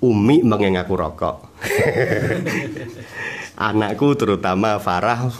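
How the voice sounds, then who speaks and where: A man's voice: fairly low pitch, takes it slowly, crowd noise. A man, a cleric giving a humorous sermon lesson and acting out the voices in his stories. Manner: animated storytelling, acting out dialogue, frequent laughter from listeners. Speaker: Islamic cleric teaching a religious text. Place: religious study gathering.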